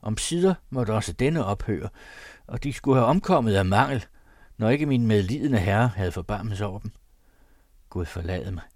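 A man reads an old diary aloud in a low, solemn voice, with a mournful manner. The recording is dry and close, with no room sound. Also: animated, darkish tone, no echo. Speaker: narrator. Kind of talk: scripted reading of a period diary.

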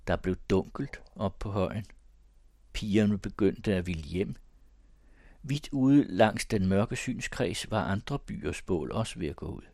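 Deep-voiced man reading a story. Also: a little mellow, dry recording. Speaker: audiobook reader. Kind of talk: storybook narration.

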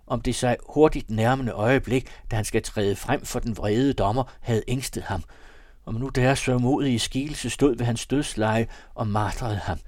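A man's voice: fairly low pitch, a little mellow, dry recording, clean studio sound. Man reading a classic novel aloud. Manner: measured, formal storytelling. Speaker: audiobook reader.

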